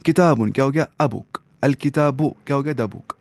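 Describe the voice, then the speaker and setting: A man's voice: medium pitch, moderate pace, no room sound. Man teaching grammar, dry close sound. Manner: asks rhetorical questions and answers them himself; mixes English terms into explanations. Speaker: Arabic teacher. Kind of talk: classroom grammar lesson.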